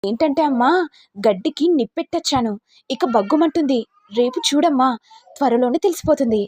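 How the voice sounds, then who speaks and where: Woman reading as sly sister-in-law, scheming, falsely sweet, high voice. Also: a little fast, a little mellow, dry recording, studio quality. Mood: gloating. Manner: falsely sweet, innocent-sounding.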